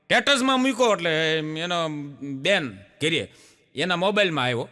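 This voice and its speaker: A man's voice: on the high side, normal speed, big-room sound. A man telling jokes in a stand-up routine, acting out the old women and wives in his stories. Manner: animated storyteller voicing old women and wives. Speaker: comedian.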